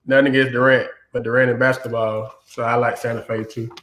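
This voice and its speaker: A man hosting a casual high school basketball podcast, talking through game picks with friends. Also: little pitch movement, brisk, fairly bright tone. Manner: laid-back, picks games with friends. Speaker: podcast host. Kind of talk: casual sports chat.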